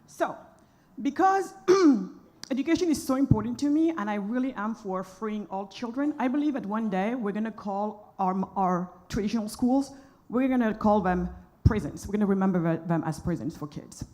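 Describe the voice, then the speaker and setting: Woman from Senegal, entrepreneur, conference panel talk, passionate, emphatic, mid pitch. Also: animated, moderate pace, warm tone.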